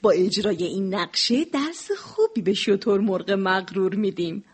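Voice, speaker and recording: A woman voicing a gentle, loving mother hedgehog in a children's story. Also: medium pitch, animated, husky. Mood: tender. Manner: tender, soothing, affectionate.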